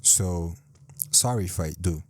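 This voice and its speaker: Speaking low and at a measured pace, this man runs a solo podcast from his home setup, with no echo on the recording. His talk is rambling and self-deprecating, full of swearing and repetition, and he's right up on a close home mic that's sometimes too near.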